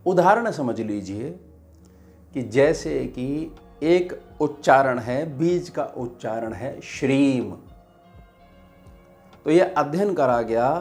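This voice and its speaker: A man, a spiritual teacher, giving a devotional teaching talk in a slow, measured way with pauses. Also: mid-range voice, darkish tone.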